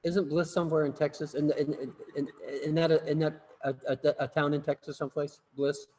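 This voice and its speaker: A man's voice: a little high, level tone, fairly quick, darkish tone. A man teaching an online class in a casual, joking, rambling way, often repeating words, over a video call. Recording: long reverb, faint room noise.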